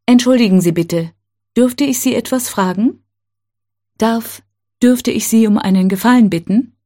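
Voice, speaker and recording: A woman teaching a language, reading set phrases one at a time in a slow, careful, clearly spaced way. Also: a little high, warm tone.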